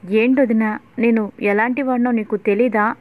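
A woman's voice: fairly high pitch, steady tone, normal speed, close to an everyday voice. A woman voicing a young man pleading to be heard, on tinny phone-like audio.

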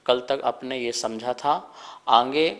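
A man leads a televised scripture lesson. His pitch is unremarkable, and he talks in a calm, measured way. He breaks words into sounds and coaches careful pronunciation, pausing for the class to repeat. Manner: calm, deliberate explaining with careful pronunciation drills; leads call-and-response recitation. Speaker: religious teacher leading a scripture class.

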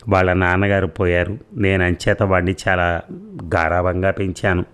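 A man voicing an elderly mother-in-law who pleads earnestly and calmly, in an audio story. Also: low-pitched, clear, resonant tone, natural voice.

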